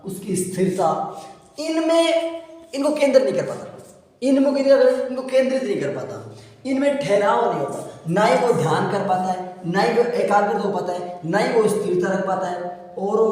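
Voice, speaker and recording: A man's voice: high-pitched, expressive, moderate pace, a little mellow. A man teaching a class, who repeats his points and asks the class questions before he answers them himself. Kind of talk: classroom lecture on psychology. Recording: echoey room, voice from a distance.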